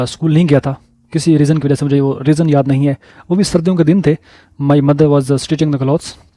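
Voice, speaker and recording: A man telling personal stories in a casual vlog, relaxed and repeating words for emphasis. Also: on the high side. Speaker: vlogger.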